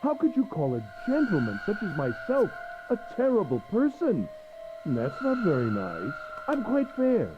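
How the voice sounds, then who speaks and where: A woman's voice: medium pitch, wildly swooping pitch, normal speed, dull audio, music in the background. A woman voicing a smug, cruel middle-aged man villain in a pompous, mocking way while reading a visual novel aloud.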